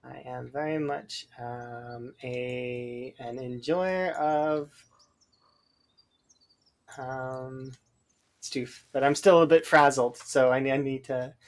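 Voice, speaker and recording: A man's voice: mid-range voice, steady tone, takes it slowly. A Canadian man chatting casually while streaming a game, rambling with lots of hesitant fillers. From Alberta, Canada.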